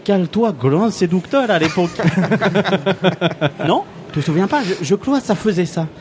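A man's voice: high voice, animated, normal speed, slight background noise. A man doing a cheerful foreigner with broken French and a fake accent. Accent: put-on foreign accent. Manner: broken French, dropped verbs and articles. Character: cheerful naive male refugee from a made-up Balkan land. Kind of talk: comic radio character sketch.

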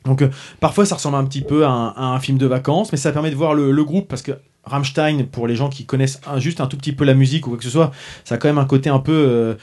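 A man's voice: mid-range voice, fast talker, darkish tone. A man hosting a podcast, reviewing a concert box set in casual, hesitant chat with many restarts. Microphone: studio microphone.

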